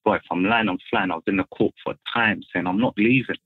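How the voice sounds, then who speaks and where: A man's voice: fairly low pitch, fast talker, breathy edge, no room sound. A young man with a London roadman accent, telling stories casually in street slang and repeating himself for emphasis. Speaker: guest phoning in. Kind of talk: casual chat, storytelling. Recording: muffled, tinny phone line.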